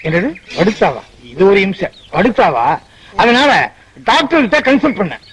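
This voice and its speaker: A man's voice: sits high, big pitch swings, normal speed, low-quality recording. An actor playing a hot-tempered, easily confused male office boss in a film comedy, firing back exasperated retorts. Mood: bickering. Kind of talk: Tamil film comedy dialogue. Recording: film soundtrack with background noise.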